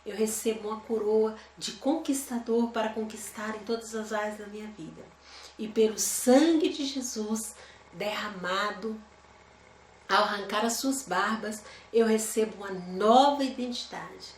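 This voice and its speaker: A woman's voice: medium pitch, reverberant, slight background noise. A woman teaching a Bible study lesson in a conversational way, often asking her listeners rhetorical questions.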